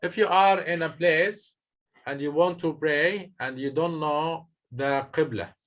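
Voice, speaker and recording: A man's voice: a little high, measured pace. A male teacher in a classroom, patiently explaining a lesson to students step by step with frequent hesitations. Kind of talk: classroom lesson, questions and answers.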